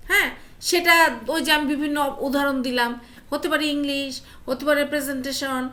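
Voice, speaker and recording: A woman's voice: high-pitched, steady tone, normal speed, sharp tone. A woman teacher leading an online class, coaxing her students with questions and mixing English phrases into her talk.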